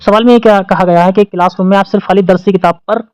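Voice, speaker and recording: A man's voice: sits high, fairly even intonation, darkish tone, clean tone, dry recording, poor audio. A man with an Indian Urdu accent, teaching as an exam-prep teacher and explaining test questions, who repeats the answer options and asks and answers his own questions.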